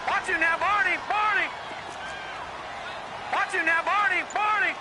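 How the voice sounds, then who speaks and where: High, straining quarterback barking cadence. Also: male voice, fairly even intonation, unhurried. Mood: commanding, urgent. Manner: quarterback cadence, shouted repeated snap calls. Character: commanding male American football quarterback barking signals. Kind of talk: on-field play calling in a football video game. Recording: distant shouts under loud stadium crowd noise.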